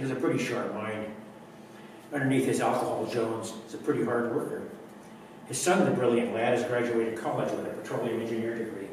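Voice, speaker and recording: A man reading his own poetry aloud at a library event, telling it in a measured, wry way with dry humor. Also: mid-range voice, a little mellow, slight background noise. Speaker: poet reading his work. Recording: very echoey room, mic far off, audible background.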